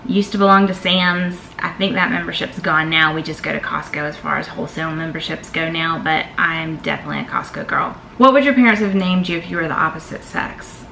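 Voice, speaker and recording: A woman's voice: low voice, steady tone, brisk, vocal fry, few pauses, bright, forceful tone. A middle-aged woman with a Southern American accent, chatting casually as she answers tag questions in her vlog, emphatic and fond of saying y'all. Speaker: vlogger. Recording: echoey room with faint ambient noise.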